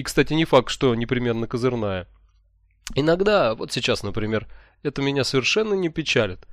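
A man's voice: medium pitch, no room sound, clean studio sound, close to an everyday voice. A man reading an audiobook who voices a cheerful, smug male sorcerer mentor, talking in a breezy, jovial way. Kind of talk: audiobook character voice.

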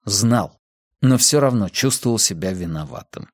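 A man reading a novel aloud as an audiobook narrator in a measured, even way. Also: lowish voice, no room sound, studio quality. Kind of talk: scripted narration.

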